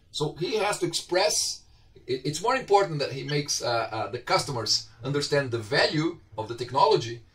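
This is a middle-aged Brazilian Portuguese–accented man with a fairly high voice, teaching an informal university class over a video call. He talks conversationally, gestures while speaking, and regularly checks in with students through questions. The sound comes through his webcam in a bookshelf-lined home office and is slightly distant.

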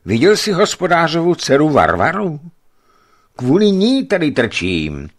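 A man voicing a huge, lovesick young watchman in a read-aloud story, speaking plainly and loudly. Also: huge pitch swings. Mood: earnest. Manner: booming yet shy, talks plainly.

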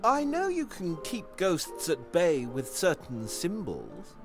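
A courteous ogre speaks in a highish, swooping voice in a video game. He is theatrical, florid and precise, over faint music. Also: wildly swooping pitch, slow, exaggerated voice. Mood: matter-of-fact. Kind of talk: video game character acting.

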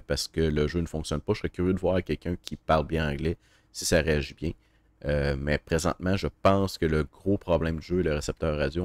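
Québécois streamer guy, super deep voice, dry sound, talks slow and halting with lots of fillers. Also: a little mellow, dry recording. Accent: Québécois French. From Quebec. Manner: thoughtful, halting, many fillers. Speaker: horror game streamer. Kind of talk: casual spoken game review.

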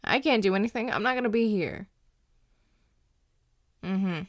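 An actor with a mid-range voice close to everyday speech plays a grumpy but caring werewolf boyfriend in an intimate audio roleplay, speaking a little slowly in a recording with no echo. He's dry, exasperated, sarcastic, and teasing, with plenty of sighs.

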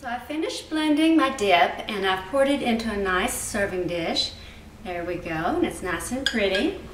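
A woman's voice: mid-range voice, expressive, moderate pace. A middle-aged woman walks viewers through a recipe in a friendly, homey, step-by-step way. She is recorded from a distant camera in a roomy kitchen. A faint hum of ambience sits behind her. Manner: chatty, homey step-by-step explaining. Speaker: cooking show host. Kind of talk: home cooking demonstration. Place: home kitchen indoors, garden outdoors. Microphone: far camera. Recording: roomy, distant home video.

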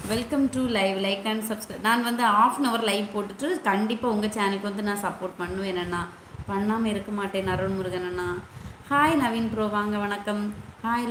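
A woman's voice: medium pitch, a bit bright, reverberant, a little hiss or hum. A woman hosting a casual live stream, greeting viewers by name one after another and asking how they are.

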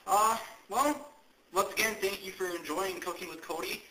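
A man's voice: high-pitched, normal speed, pushed and bright. A young man hosting a goofy homemade cooking show, with crude, jokey, mock-cheerful patter, recorded on a camera mic in a home kitchen. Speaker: comedy cooking show host. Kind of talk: goofy home-video comedy skit. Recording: echoey kitchen, noisy camera audio.

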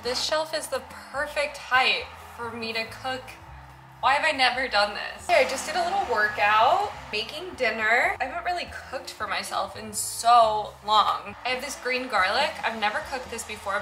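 Chatty young woman, slightly raspy voice. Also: fairly high pitch, normal speed, noisy background. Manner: chatty, relaxed, lots of "like" and "um". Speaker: vlogger. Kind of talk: casual chatty vlog. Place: small apartment kitchen, indoors.

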